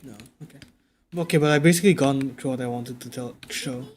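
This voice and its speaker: A man livestreaming a game, talking casually and thinking out loud in a conversational way. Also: medium pitch, a little fast. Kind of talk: casual livestream chat while playing a game. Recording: game music behind the voice. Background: video game music.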